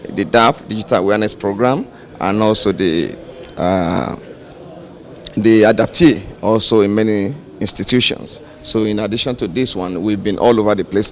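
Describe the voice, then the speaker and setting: A man speaking as an official in an interview, deliberate and pausing often. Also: on the low side. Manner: deliberate, with many pauses. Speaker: regulator official. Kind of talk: interview statement.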